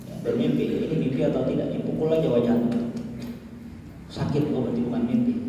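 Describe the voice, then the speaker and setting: High-voiced man preaching in an echoey hall. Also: mellow, a little hiss or hum. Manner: storytelling, acts out short dialogues in a raised voice. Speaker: school director giving a dawn religious study. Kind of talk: Islamic study sermon. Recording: echoey hall, far from the mic.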